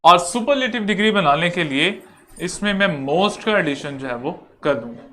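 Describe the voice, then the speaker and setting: Man teaching a slow, repetitive lesson. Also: high-pitched, lively intonation, pushed and bright, a little hiss or hum. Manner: repetitive, explains slowly step by step. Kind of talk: online lecture.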